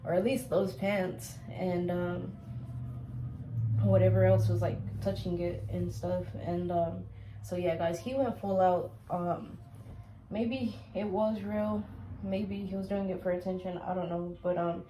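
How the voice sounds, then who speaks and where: A woman's voice: fairly low pitch, fairly even intonation, a little slow, mellow, slight background noise, low-quality recording. A young woman telling a personal story to her viewers in a casual, rambling way, full of "um" and "like". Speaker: storytime vlogger.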